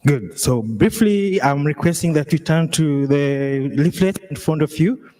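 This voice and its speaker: A man facilitating a workshop meeting, speaking in a relaxed, halting way with fillers. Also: fairly high pitch. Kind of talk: running a workshop session.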